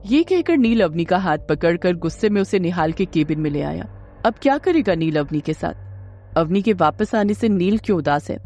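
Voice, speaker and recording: A woman storyteller reading a scripted romance audio story in a steady, dramatic way. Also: fairly low pitch, moderate pace. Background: faint music.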